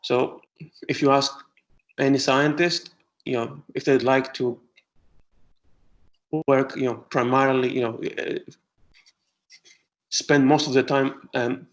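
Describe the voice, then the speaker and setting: A middle-aged man from Greece, an astronomer answering interview questions with many pauses and restarts. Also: medium pitch, little pitch movement, rough recording. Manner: hesitant, many fillers and restarts.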